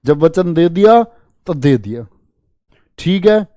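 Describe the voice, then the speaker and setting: Speaking slowly with lively intonation, a man with a slightly high, warm voice teaches spelling in an online Hindi exam-coaching lesson. He repeats words to drill students, chats affectionately, and makes dramatic promises, all in clean, echo-free studio sound.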